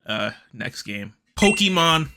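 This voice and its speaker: A young man rambling excitedly and in slang about old video games he loves, as host of his gaming channel. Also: a little high, slow pace, noisy background. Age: young adult. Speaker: gaming YouTuber. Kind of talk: casual gaming commentary vlog.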